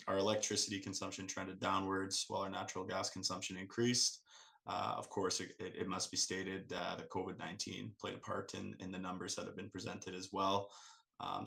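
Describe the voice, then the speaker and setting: A man joining a conference call, deep and gravelly. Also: bright, forceful tone. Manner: halting, with many "uh" and "um" fillers. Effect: joining remotely over a conference call. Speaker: municipal staff member presenting a report. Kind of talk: council meeting report presentation.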